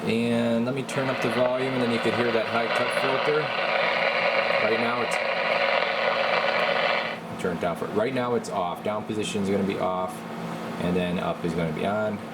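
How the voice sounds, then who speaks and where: A man with a lowish, steady voice speaks at a normal speed, leaving long pauses, against heavy background noise. He's a radio repair technician hosting a video, taking viewers through a hands-on job in a loose, rambling, informal style, like a casual how-to demo.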